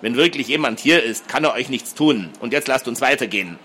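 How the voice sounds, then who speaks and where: A man's voice: mid-range voice, a little fast, pushed and bright, a little hiss or hum, close to an everyday voice. A man reading a fantasy story and voicing a bold, mocking teenage boy who brushes off his sister's fears. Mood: scornful brusque. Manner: brusque, scornful.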